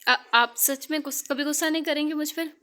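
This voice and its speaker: A woman voicing a shy, innocent young wife who speaks softly and stammers, in an audiobook novel reading. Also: sits high, steady tone, fairly quick, voice pushed up. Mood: shy, pleading. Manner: hesitant, stammering and soft.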